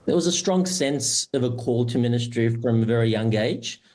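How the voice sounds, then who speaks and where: A middle-aged man from Romania, a church administrator and pastor, giving steady interview answers. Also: mid-range voice. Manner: measured, steady answers with occasional "uh" fillers.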